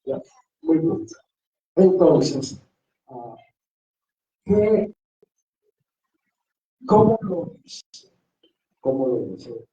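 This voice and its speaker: A man's voice: fairly high pitch, dark tone, a little hiss or hum. A man, a pastor, teaching a Bible workshop to a class and repeating rhetorical questions to his students. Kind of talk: classroom lecture. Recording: echoey room, distant dull lo-fi mic.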